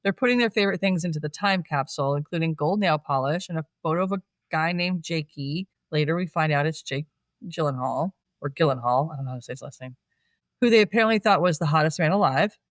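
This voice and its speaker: Talking fast in a mid-range voice, this film-recap co-host keeps things casual and chatty, with frequent laughter and animated asides. The sound is dry and close-miked.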